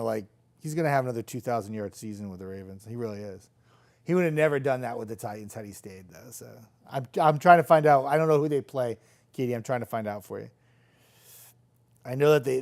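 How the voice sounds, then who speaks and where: A man's voice: medium pitch, darkish tone. A young man who works as a TV meteorologist, chatting casually on a live stream, self-deprecating and laughing often. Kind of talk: casual live stream chat reading viewer comments.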